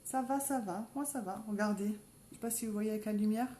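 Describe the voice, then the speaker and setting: A woman's voice: mid-range voice, fairly quick, mellow, slight background noise. A woman with a southern French accent, chatting casually to viewers in a live makeup tutorial and calling out to them constantly. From south of France. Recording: roomy echo, faint background ambience.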